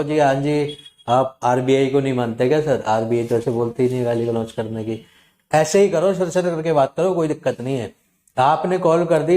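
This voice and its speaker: Guy hosting a channel, warm low-key tone, acts out callers in quick quotes. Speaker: channel host advising viewers on loan recovery calls. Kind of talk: casual talk to camera.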